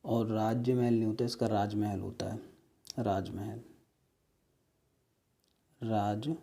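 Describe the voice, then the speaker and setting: Male tutor, mellow tone, walks through answers one by one, often checking in with the viewer. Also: lowish voice, steady tone, a little fast, vocal fry. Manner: explains step by step, repeating words and "ठीक है"; asks rhetorical questions to viewers. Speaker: teacher. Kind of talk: exam-prep spelling lesson.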